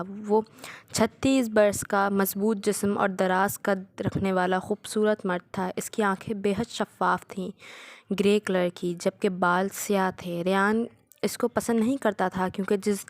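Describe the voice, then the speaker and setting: A woman reads a novel aloud in a steady, even storytelling manner. Her voice has a gravelly grain at mid pitch. The recording is close and dry, with no room sound. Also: dry recording. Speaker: narrator.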